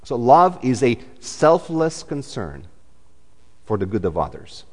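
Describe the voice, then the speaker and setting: A man's voice: medium pitch, very animated, measured pace, a little mellow, in a large hall. A man, preaching a sermon in a chatty way, full of fillers and restarts. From Romania. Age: 40s. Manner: conversational, many fillers and restarts. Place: church.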